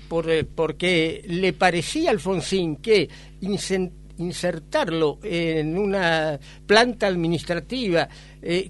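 An older man with an Argentine Spanish accent, recalling events as an interview guest, hesitant with many filler sounds. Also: high voice. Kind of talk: conversational recollection.

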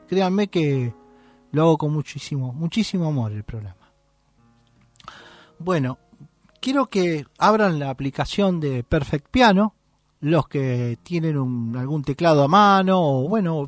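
A man hosting a radio program, patiently teaching music scales to listeners and checking that they follow along. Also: a little high.

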